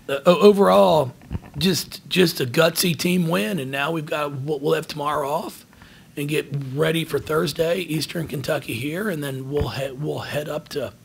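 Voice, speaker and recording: A man in his forties fields reporters' questions at a post-game press conference, speaking into a table microphone in a press room. His voice is fairly high for a man, with a gravelly, fry-laden edge. He talks earnestly, stumbling and restarting words as he goes. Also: fairly bright tone. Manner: earnest, halting with frequent restarts and repeated words. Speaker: basketball head coach. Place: press room in front of a team backdrop. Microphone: table microphone in front of him.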